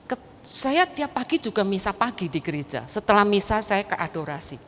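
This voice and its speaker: A woman's voice: medium pitch, very animated, brisk, fairly bright tone, a little hiss or hum. A middle-aged woman sharing an earnest, emotional faith testimony at a church prayer meeting, chatty and prone to restarts. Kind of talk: personal faith testimony talk. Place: large church hall. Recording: long hall reverb.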